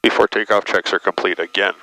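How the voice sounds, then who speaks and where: A man at the controls, heard through his cockpit headset mic, his voice sitting a little low with a gravelly, bright edge. He reads back tower calls and works through checklist callouts in short, crisp phrases. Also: fairly even intonation, brisk, dry recording, rough recording. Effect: pilot speaking through a cockpit headset mic. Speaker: pilot. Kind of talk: narrating his own flight from the cockpit. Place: small airplane cockpit.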